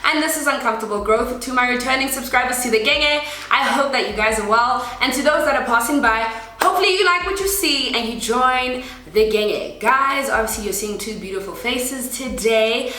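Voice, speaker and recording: A South African woman in her twenties hosting a casual chat with friends on a couch, lively and laughing often. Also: a little high, normal speed, hardly any pauses. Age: 20s. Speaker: host. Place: apartment living room, on a couch. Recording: echoey room.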